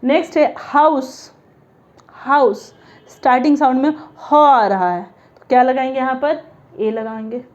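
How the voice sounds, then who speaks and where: High-voiced woman teaching grammar. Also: steady tone, darkish tone, muffled recording. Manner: explains step by step, sounds out letters slowly. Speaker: English teacher. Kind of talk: classroom grammar lesson.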